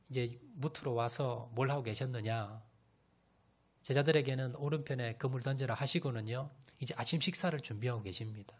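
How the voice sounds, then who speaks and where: A man preaching a sermon as a pastor, telling a Bible story with animated storytelling and questions to the congregation. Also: mid-range voice, creaky, slightly rough.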